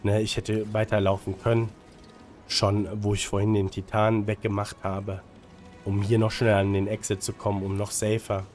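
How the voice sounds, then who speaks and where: In a darkish, monotone voice on the low side, delivered at a moderate pace, a gaming guide creator and streamer with a slight cold shares casual tips. He keeps it colloquial, with English gaming slang and many tag questions, over background music.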